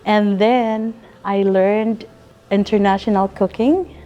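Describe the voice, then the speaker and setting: Middle-aged woman, Filipino accent, mellow voice, earnest and quick to laugh; soft music bed. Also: mid-range voice, steady tone, lo-fi sound. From Philippines. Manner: earnest, laughs often, nonstandard English grammar. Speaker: restaurant owner and chef. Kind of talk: casual interview talk.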